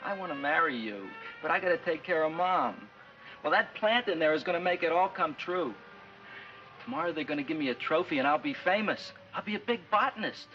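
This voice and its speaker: A man's voice: a little high, lively intonation, brisk, natural voice. An actor playing a meek, flustered, eager young man with an American accent in a 1960s comedy film. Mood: earnest, pleading. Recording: dull old film soundtrack, faint music.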